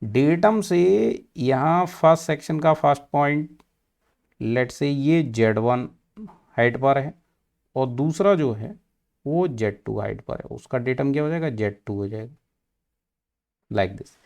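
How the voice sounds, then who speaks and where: Slow, deliberate Indian man teaching. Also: medium pitch, vocal fry, a little mellow. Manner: mixes Hindi and English, asks and answers his own questions; slow and deliberate, stretching out key terms. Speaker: engineering exam teacher. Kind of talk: classroom lecture.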